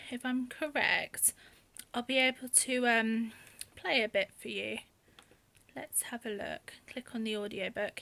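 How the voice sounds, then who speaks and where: A woman talks casually to her channel as the author of a book. Her voice sits a little high, and she stumbles along with frequent ums and restarts. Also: gravelly, sharp tone. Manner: hesitant, many fillers and restarts. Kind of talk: casual vlog talk.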